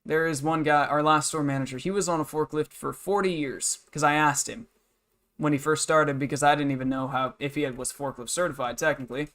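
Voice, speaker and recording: In a loose stream chat, a game livestreamer in his twenties bluntly and plainly vents about work. He speaks briskly in a steady tone, his voice a little high and fairly bright.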